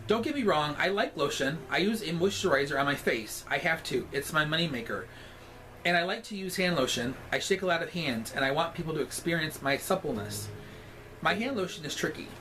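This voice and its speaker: A man with a sassy drag queen delivery reads a scripted comic story aloud, with deliberate, emphatic timing. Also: a little high, fairly bright tone.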